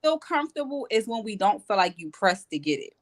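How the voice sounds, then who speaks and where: A woman co-hosting a casual talk show, relaxed and peppering her talk with "like". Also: medium pitch, a little fast. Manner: relaxed, filler-heavy with "like". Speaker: co-host. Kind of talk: casual chat.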